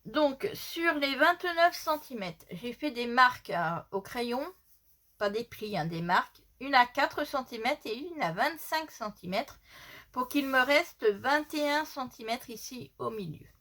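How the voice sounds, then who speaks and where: A woman presents a hands-on craft tutorial in a fairly high voice. She takes her time, explaining each step and going back over it. A slight lisp gives her s sounds a slushy sh edge. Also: animated, a little slow, bright, forceful tone. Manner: explanatory, repeats measurements and instructions.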